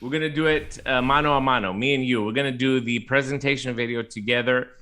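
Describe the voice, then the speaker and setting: Bright-voiced upbeat man. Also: medium pitch, steady tone, quick pace, clear, resonant tone. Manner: upbeat, teasing. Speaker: co-host. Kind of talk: casual chat.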